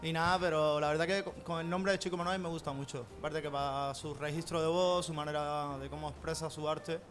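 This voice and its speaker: Male guest, soft, hesitant, bit high. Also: steady tone, fairly quick, faint music behind. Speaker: guest musician. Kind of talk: casual chat.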